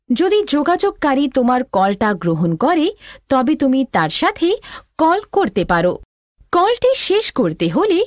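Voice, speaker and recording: In a studio-quality recording with no echo, a woman with a high-pitched voice plays an instructive elder sister in an animated lesson. Her tutorial narration is scripted and deliberate, moving step by step.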